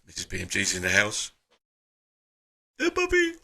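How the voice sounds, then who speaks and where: Bright-voiced man hosting a live stream. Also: low voice, little pitch movement, moderate pace, vocal fry, slightly rough. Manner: chatty, with frequent fillers and sighs. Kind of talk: casual live-stream chat reading viewer comments.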